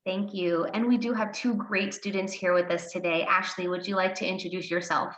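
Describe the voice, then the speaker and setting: A woman's voice: on the low side, steady tone, brisk, noisy background. A woman hosting a formal information session, welcoming people and handing over to other speakers. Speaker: admissions counselor hosting. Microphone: video call. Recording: roomy, dull video-call audio.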